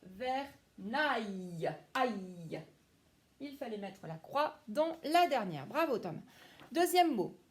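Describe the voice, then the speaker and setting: Slow, encouraging woman teaching young kids. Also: high-pitched. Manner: encouraging, lively teacher tone, praises each child by name. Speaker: primary school teacher. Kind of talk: remote phonics lesson for young children.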